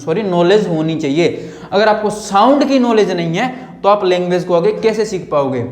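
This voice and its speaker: A man teaching an English lesson in Hindi, chatty and playful, who keeps repeating points and quizzing his students. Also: sits high. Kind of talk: informal online lesson. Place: home room recording himself on camera. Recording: echoey room.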